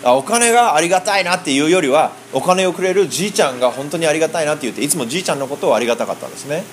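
Brisk, animated man. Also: on the high side, slight background noise. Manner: animated, acts out quoted voices. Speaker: interpreter for a preacher. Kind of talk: interpreting a sermon in lively colloquial speech.

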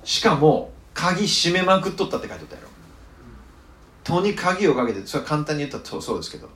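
Animated man preaching in western Japanese dialect. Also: fairly high pitch, quick pace. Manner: animated storytelling, acting out quoted voices, swinging from loud to hushed. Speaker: pastor. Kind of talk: sermon. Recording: roomy reverberant space.

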